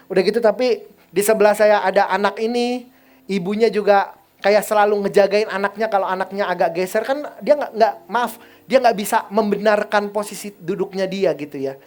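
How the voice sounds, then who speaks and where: A man's voice: high voice, moderate pace, faint music behind. A male pastor telling a story in a sermon, chatty and often putting questions to the congregation.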